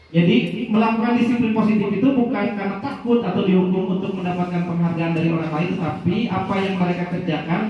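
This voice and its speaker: A man with a fairly high voice teaches in a loose, chatty way and acts out student dialogues as he goes. He sounds far from the mic, with strong room echo all around him. The sound is dull. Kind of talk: informal lecture with acted classroom examples.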